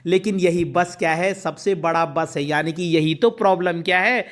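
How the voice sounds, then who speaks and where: A male teacher explaining a poem to students, reading verses slowly and then explaining them in plain speech. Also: high-pitched. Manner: addresses students directly. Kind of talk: poetry lesson explanation.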